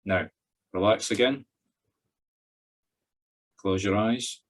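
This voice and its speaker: A Scottish man with a lowish voice leads a guided meditation as a spiritual medium. He gives his instructions in short phrases, pausing between them.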